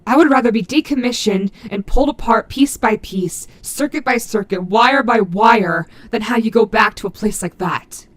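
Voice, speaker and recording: Woman voicing Roxy Wolf, higher-pitched protective animatronic. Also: close to an everyday voice. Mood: protective, tender. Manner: halting, emphatic, earnest delivery. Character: gruff but maternal female animatronic wolf, fiercely protective. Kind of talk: dramatic audio roleplay addressed to the listener.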